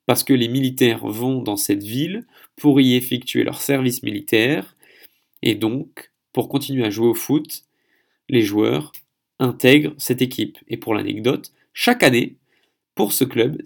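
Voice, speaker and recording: Solo podcast host, male, from France, mid-range voice with some grit, talks in a chatty, halting way. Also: mid-range voice, vocal fry, a little mellow. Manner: chatty, hesitant, stumbles on foreign names.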